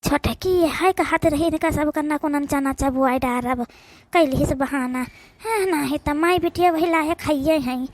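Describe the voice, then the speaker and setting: Speaking at a normal speed in a high voice, a cartoon voice performer with an Awadhi accent acts out a village family drama. Her lines come in colloquial, complaining rural speech.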